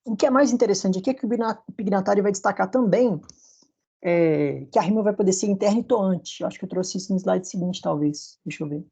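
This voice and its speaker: A man's voice: sits high, fast, vocal fry, mellow, husky, muffled recording. A man with a Brazilian Portuguese accent giving a recorded university lecture over slides, explaining patiently and often checking in with his students.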